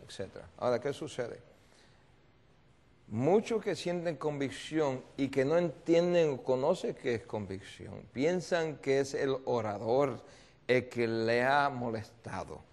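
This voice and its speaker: A man's voice: mid-range voice, a little mellow. A male pastor preaching a seminar sermon, telling a story and repeatedly quizzing his audience with call-and-response questions. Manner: storytelling with acted voices.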